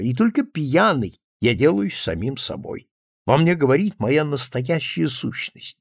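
A maudlin drunk man pours out his heart in an emphatic, swinging voice with a gravelly edge, as a male reader puts him on. He pleads and boasts by turns in an audiobook reading. The sound is close and dry. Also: a little high, dry recording, exaggerated voice. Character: drunken, self-pitying male friend confessing.

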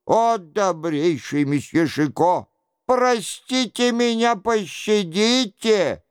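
A man voicing a fat, cowardly monk who wails and pleads in a drawn-out, lamenting way. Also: high-pitched, lively intonation, clear, resonant tone, dry recording, studio quality, pitched above the performer's own voice. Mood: wailing.

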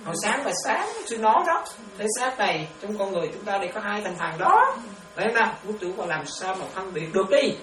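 Woman, Buddhist nun giving a meditation talk, very animated pitch, distant echoey noisy room recording. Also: fast. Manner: lively, laughs often, keeps checking understanding with questions. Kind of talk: dharma talk to students.

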